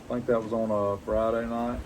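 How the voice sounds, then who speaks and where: A man talks in a fairly low voice, with some background noise around him. He tells a personal story casually, plain-spoken and halting, pausing to reflect as he goes. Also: little pitch movement. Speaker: pipe-smoking vlogger.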